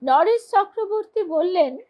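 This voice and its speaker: Slow, high-voiced woman reading devotional stories. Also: expressive, highs cut off. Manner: measured, earnest storytelling. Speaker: reader of devotional texts.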